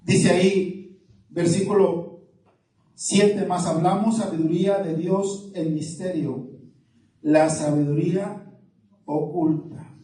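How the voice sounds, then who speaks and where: A man's voice: high voice, fairly even intonation, slow pace, long pauses, dark tone. A male pastor, preaching a sermon, reading scripture and putting questions to his congregation. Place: church hall. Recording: echoey hall, far from the mic. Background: congregation responding.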